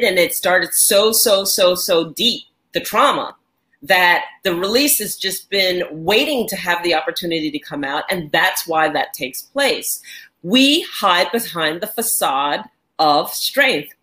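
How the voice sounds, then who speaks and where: A woman's voice: lowish voice, a little slow, fairly bright tone. A woman co-hosting a podcast, speaking reflectively, repeating phrases and posing rhetorical questions. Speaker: podcast co-host. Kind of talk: casual discussion.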